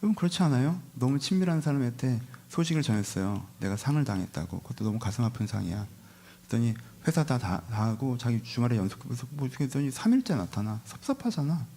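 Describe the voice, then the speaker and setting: Husky, lively male pastor preaching. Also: mid-range voice, quick pace. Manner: conversational preaching, frequent rhetorical questions to the congregation; mixes polite speech with casual asides. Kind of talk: Easter Sunday sermon. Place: church service.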